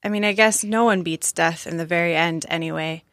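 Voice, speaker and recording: A meek young man grieving his brother, voiced by a woman narrator. He speaks softly and hesitantly in a low, gravelly voice. The sound is close and dry. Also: fairly quick, no room sound. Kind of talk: storybook narration.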